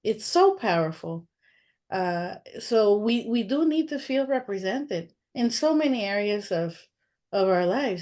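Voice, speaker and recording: A woman's voice: on the high side, a little mellow. A woman hosting an interview, reflective and affirming, often repeating her phrases. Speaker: host. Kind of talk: conversational interview.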